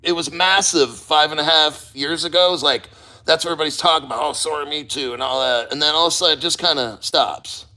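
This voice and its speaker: Blunt guy livestreaming from a cold plunge, really bright punchy voice, kinda high, rambles and swears. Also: fast, low-quality recording. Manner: blunt, plain-spoken, swears casually; talking while sitting in a cold water plunge. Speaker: livestream host of a crypto channel. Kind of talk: casual livestream chat, rambling and motivational.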